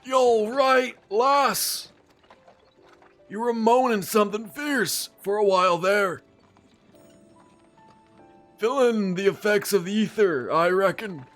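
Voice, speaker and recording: A man's voice: high-pitched, slow pace, pauses often, a bit bright, faint music behind, voice pushed up. A man voicing a friendly old male cart driver in a put-on old-man voice. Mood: concerned.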